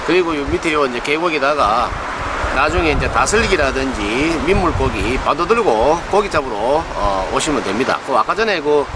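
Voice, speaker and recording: A man's voice: medium pitch, animated, moderate pace, background noise. A man with a broad Gyeongsang accent hosting a casual, folksy on-site property tour outdoors on rural farmland, chatting to viewers as he points things out. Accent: Gyeongsang dialect Korean. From Gyeongsang region, South Korea. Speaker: real estate channel host. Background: background music.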